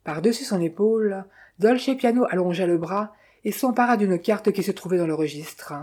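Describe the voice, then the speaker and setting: Husky-voiced woman reading a novel. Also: mid-range voice, moderate pace, a little mellow. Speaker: audiobook narrator.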